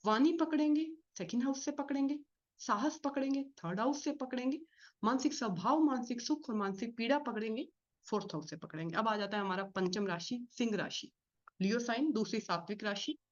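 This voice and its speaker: A woman teaching an astrology class in a fast, explanatory lecture style, often asking and answering her own questions. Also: on the high side. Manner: fast-talking, explains with repeated rhetorical questions. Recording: slightly dull lo-fi audio.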